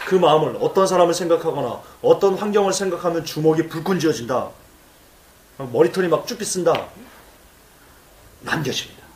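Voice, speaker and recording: A male pastor preaching a sermon in church, emphatic and animated, telling stories and acting out cries. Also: fairly high pitch, fairly quick, pauses often, echoey room, recorded from a distance, a little hiss or hum.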